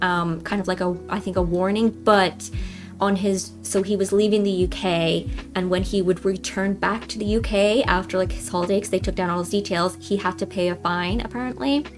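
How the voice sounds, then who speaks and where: A young woman hosting a game livestream, telling a story in a rambling, chatty way with lots of fillers and restarts, often calling her viewers guys. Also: medium pitch. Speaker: livestream host.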